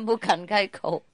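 A woman's voice: mid-range voice, dry recording. Playful woman spiritual teacher, laughing a lot. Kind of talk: casual spiritual talk with storytelling.

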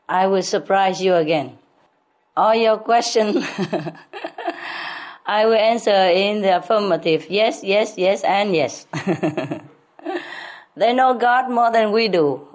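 A woman spiritual teacher answering questions at a public talk, speaking slowly with repetition and frequent laughter. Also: mid-range voice. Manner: slow, repetitive, laughs often.

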